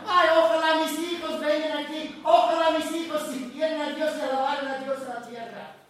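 A man's voice: very high voice, flat delivery, moderate pace, a bit bright, recorded from a distance, pitched above the performer's own voice. A man voicing an older mother in heaven who fervently pleads with her children to serve God. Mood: longing. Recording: echoey room.

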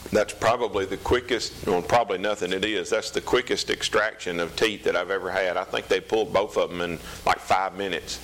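A man's voice: low voice, steady tone, a bit bright, low-quality recording. A man with a Southern US accent preaching an informal sermon as a pastor, in a folksy, conversational manner. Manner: folksy, conversational, hesitant pauses. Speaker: pastor preaching to his congregation. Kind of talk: informal sermon with scripture reading.

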